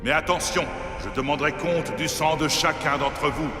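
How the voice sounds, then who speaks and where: A man's voice: a little high, steady tone, moderate pace, music in the background, close to an everyday voice. A man voicing a solemn, commanding God in a children's Bible cartoon, speaking in formal declarations. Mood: solemn, warning. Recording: echoey long reverb, clear background noise.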